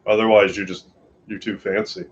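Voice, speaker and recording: On a late-night live stream from his bedroom, a tired Canadian man chats casually, rambling, sleepy, and yawning. His voice is lowish with little pitch movement and a moderate pace, and the recording has its highs cut off.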